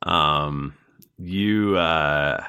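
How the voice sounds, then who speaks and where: A man's voice: extremely low pitch, very slow, bright, forceful tone, clean tone. A man running a tabletop game as game master, narrating casually.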